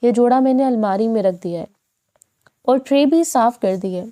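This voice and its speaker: A woman voicing a gentle, hardworking young woman who speaks softly. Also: a little high, dry recording, clean studio sound, natural voice. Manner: soft, hurried.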